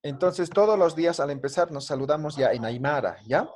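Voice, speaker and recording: Patient male language teacher, slightly high voice. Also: brisk, darkish tone. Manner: patient, drills greetings, ends phrases with "¿no?". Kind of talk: online class.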